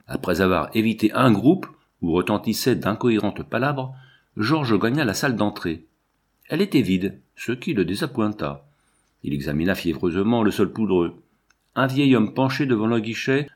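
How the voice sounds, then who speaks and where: A man narrating a classic novel with an expressive, varied delivery. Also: fairly low pitch. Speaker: audiobook reader. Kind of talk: literary narration.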